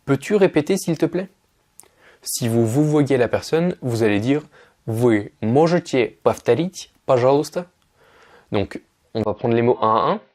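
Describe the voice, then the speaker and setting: A man's voice: medium pitch, lively intonation, a little mellow. Man teaching Russian phrases. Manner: explains patiently, repeats phrases slowly. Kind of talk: casual video lesson.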